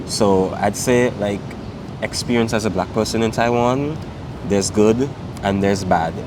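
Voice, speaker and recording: Relaxed and low-voiced, a man from Saint Vincent and the Grenadines speaks at a measured pace as the interviewee in a casual street interview, dropping plenty of fillers like "um" and "like." The background is noisy.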